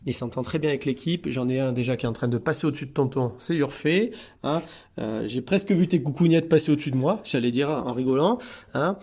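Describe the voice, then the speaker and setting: A man's voice: mid-range voice, fast talker, darkish tone. A man who runs a cat hotel, chatting in a casual vlog and talking affectionately to the cats. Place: indoor cat boarding room.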